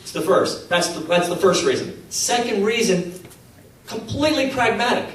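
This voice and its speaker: Animated male speaker in an echoey hall. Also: high voice, moderate pace. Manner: animated, acts out quotes, laughs at his own stories. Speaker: speaker at a faith conference. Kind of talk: storytelling talk to an audience. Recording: very echoey hall, mic at a distance.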